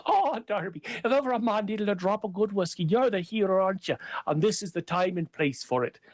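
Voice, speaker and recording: A man's voice: high voice, lively intonation, fairly quick, no room sound, studio quality. A man voicing a hearty, rousing fairy king from Irish legend in a lilting storyteller's manner. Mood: jolly.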